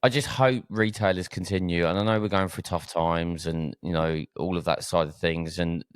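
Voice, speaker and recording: Essex bloke hosting a podcast, deep voice, dry close sound, stumbles over words a bit. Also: male voice, fairly even intonation, normal speed, clean tone, no room sound. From Essex, England. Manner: hesitant, repeats words. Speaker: podcast host. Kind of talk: casual chat.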